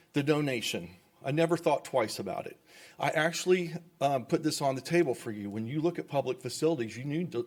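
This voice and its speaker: A man, a property developer, giving upbeat, salesmanlike remarks at a public government meeting. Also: medium pitch. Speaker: developer speaking at public comment.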